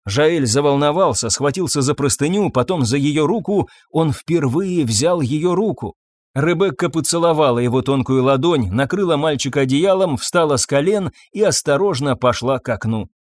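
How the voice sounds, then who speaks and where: A man narrating an audiobook in an expressive, dramatic reading style. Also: on the high side, moderate pace, no room sound, clean studio sound.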